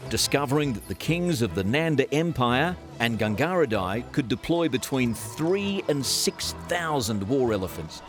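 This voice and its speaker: A male narrator delivers a scripted documentary voice-over. His pitch is mid-range and moves expressively through the sentences, with music clearly playing underneath.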